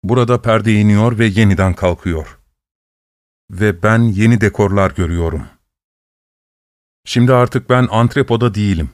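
A man narrating a story in a steady, measured reading voice. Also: on the low side, no room sound, studio quality.

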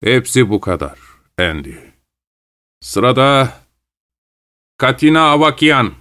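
A man voicing a big burly man in overalls who calls a roll in a loud, commanding, businesslike way. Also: mid-range voice, very animated, takes it slowly, voice pushed up, heavily acted. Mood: calling out.

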